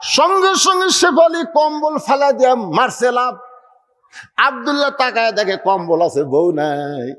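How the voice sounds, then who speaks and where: A male preacher tells a story as a sermon. His high-pitched voice swings between loud and hushed, and it rings through a long hall reverb. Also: animated, measured pace.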